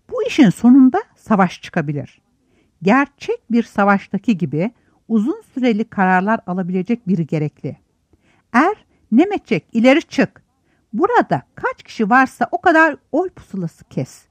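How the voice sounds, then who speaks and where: An earnest young gang leader calls his friends to order in a storybook reading, as a woman reads him aloud. His delivery is urgent and rallying, pitched a little higher than an everyday voice and full of lively rises and falls. The recording is dry and close. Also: husky, no echo.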